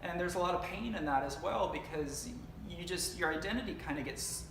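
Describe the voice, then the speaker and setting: In an echoey room with noise behind him, a young actor from Canada with a high voice chats casually about his life and career. He comes across as earnest and thoughtful, frequently saying "um" and restarting his sentences.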